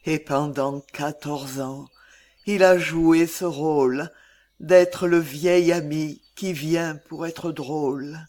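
Man doing roxane, young noblewoman, high voice, slow earnest verse, stage play. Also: steady tone. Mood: realizing. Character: young noblewoman, loving, grieving.

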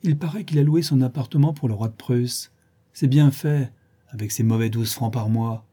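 A man's voice: mid-range voice, moderate pace, warm tone, breathy edge, natural voice. A man voicing a gossipy, scheming old female concierge in a raised, chattering voice. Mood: gloating.

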